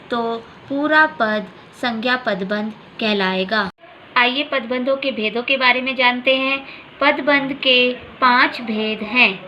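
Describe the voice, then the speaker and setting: A woman teacher explains grammar to students at an unhurried, careful pace. Her voice is bright and a little high, and she repeats key definitions so they sink in. A faint hiss sits under the recording. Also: poor audio. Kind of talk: slow, clear classroom explanation.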